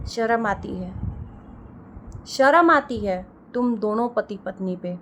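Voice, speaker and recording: A woman's voice: mid-range voice, takes it slowly, a bit bright, slight background noise. A woman reaction creator delivering a heated, scolding rant and repeating phrases for emphasis.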